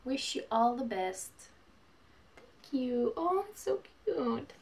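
A woman in her twenties chatting casually while opening mail at home, gushing and reading letters aloud haltingly. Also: sits high, sing-song, a little mellow. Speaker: vlogger. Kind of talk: casual unboxing chat. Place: small home room, indoors.

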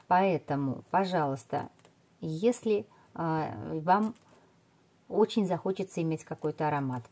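A woman's voice: low voice, animated, a little slow, dark tone. A middle-aged woman reviewing a perfume in a casual video, rambling with many fillers and restarts.

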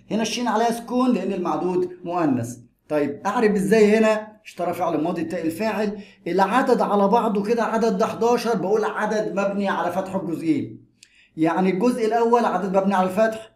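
Egyptian male grammar teacher, brisk and high-pitched, drills rules, echoey room. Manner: lively, repeats and drills rules. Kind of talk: explanatory grammar lesson.

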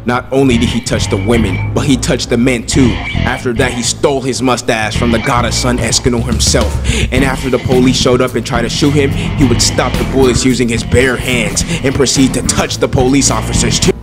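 A man voicing an excitable, boastful young man in a slangy, profane, overacted anime dub parody. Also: mid-range voice, a little fast, hardly any pauses, lightly acted. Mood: grave, awed. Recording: loud music behind.

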